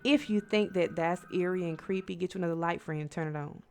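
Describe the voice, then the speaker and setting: An American woman with a fairly low, darkish, clean-toned voice tells eerie bedtime stories a little quickly, chatting with listeners like friends. She leans on dramatic emphasis and rhetorical questions, dropping casual asides, while music plays behind her.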